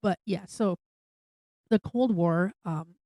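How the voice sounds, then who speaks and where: A woman's voice: medium pitch, slow, warm tone, no echo. A woman co-hosting a podcast in casual chat, swearing freely and saying "like" a lot. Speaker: podcast co-host.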